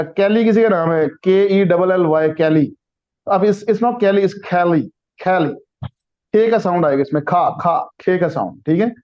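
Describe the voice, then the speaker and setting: High-voiced man teaching letter sounds. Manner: drills letter sounds slowly, repeating each one; mixes Hindi-Urdu with English phrases. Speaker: online English and freelancing teacher. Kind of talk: live online class lecture. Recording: slightly dull, lo-fi audio.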